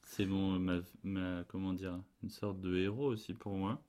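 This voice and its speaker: A man's voice: sits low, flat delivery, measured pace, darkish tone. A man co-hosting a casual family podcast, talking patiently and drawing out answers with questions, sometimes translating English into French. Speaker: podcast co-host and parent. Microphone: desk podcast microphone.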